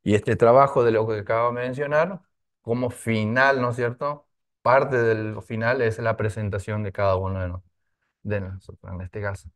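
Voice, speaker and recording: A man teaching a language class, going slowly and checking often that his students follow. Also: on the low side, steady tone. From Argentina. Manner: slow, repetitive, with frequent tag questions.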